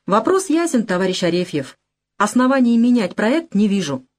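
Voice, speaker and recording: A woman reading the part of a stern, brusque middle-aged male Soviet official in an audiobook, lecturing in a lively voice. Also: mid-range voice, normal speed, lightly acted. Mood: curt.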